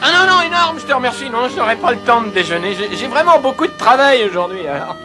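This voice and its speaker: A man's voice: extremely high pitch, animated, fast, over music. A man in a French cartoon dub voicing a polite but put-upon little handyman creature, hesitant and easily exasperated. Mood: flustered, exasperated.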